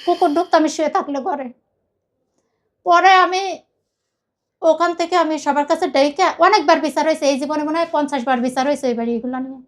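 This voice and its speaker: Speaking at a quick pace but pausing often, this middle-aged guest with a Bangladeshi accent recounts her life story in a high voice. The telling is emotional, earnest and rambling, with frequent repetition.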